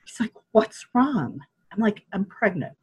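An older woman telling a personal story in a casual, animated way, acting out quoted voices and laughing often. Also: medium pitch, measured pace, breathy edge. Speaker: guest telling her birth story.

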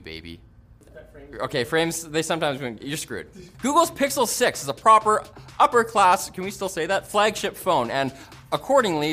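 A man hosting a tech news rundown, reading a script with jokey, sarcastic asides. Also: fairly high pitch. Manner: sarcastic, jokey, animated delivery.

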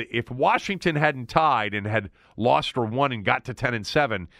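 A man hosting a sports podcast in casual chat, talking his way through a topic with restarts and a voice that is going hoarse. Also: medium pitch, fairly bright tone, no room sound, studio quality. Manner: chatty, restarts mid-sentence. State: losing his voice. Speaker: podcast host.

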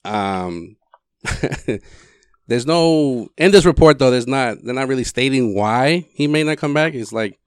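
A man hosting a casual sports talk show in an informal, halting way, often trailing off. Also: medium pitch, expressive, clean tone, no room sound, studio quality. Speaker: sports podcast host.

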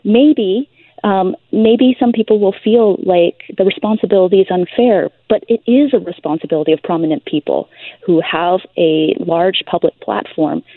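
A woman's voice: fairly low pitch, moderate pace, no echo. Woman speaking on a tinny phone line. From Canada. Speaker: politician. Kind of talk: phone interview on talk radio.

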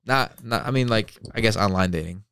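A man's voice: on the low side, brisk, gravelly, a bit bright, clean tone, dry recording. A man in his late twenties with an American accent, chatting casually in a blunt, slangy, sweary way. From born in Belarus, moved to the US at three. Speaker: guest answering searched questions about himself. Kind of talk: casual chat.

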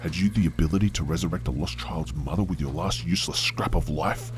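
A man's voice: sits low, fast talker, slight background noise, close to an everyday voice. A man voicing a whispering painted shadow creature. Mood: coaxing whisper. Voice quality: hushed, breathy, tempting whisper. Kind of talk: horror story narration.

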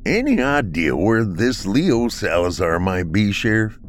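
A man's voice: lowish voice, very animated, unhurried, slight background noise. A man voicing a matter-of-fact male medical examiner in an audiobook, speaking dry and clinical.

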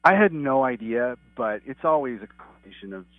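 A man's voice: mid-range voice, animated, brisk, no room sound. A man calling in to an interview over a clipped phone line, talking earnestly in a rambling way with restarts and fillers. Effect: clipped phone line that cuts out. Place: outside his office. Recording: tinny dry phone line.

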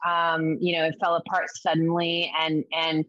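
A middle-aged woman from the Azores, Portugal, answers interview questions as a guest; she is a spiritual teacher and coach. Her low-pitched, slightly bright voice is completely flat, and she speaks reflectively, haltingly, with many restarts and fillers. The sound is dull and lo-fi.

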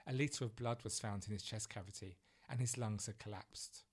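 A man narrating a true crime story in a measured, grave manner. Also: fairly low pitch, steady tone, husky.

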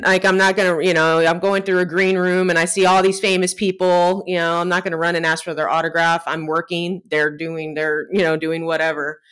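A woman co-hosting a podcast, telling a story in a casual, animated way, laughing often and swearing freely. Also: on the low side, smooth. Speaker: podcast co-host.

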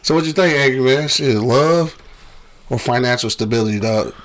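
Loose-talking radio host. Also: male voice, medium pitch, moderate pace, a bit bright. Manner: loose, laughing, profane trash talk. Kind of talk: casual radio banter.

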